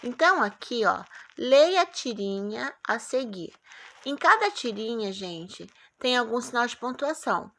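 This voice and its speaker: A woman's voice: a little high, big pitch swings, measured pace, sharp tone. A woman with a Brazilian Portuguese accent teaching a primary school class in a recorded remote lesson, patient and coaxing, checking in often with her pupils.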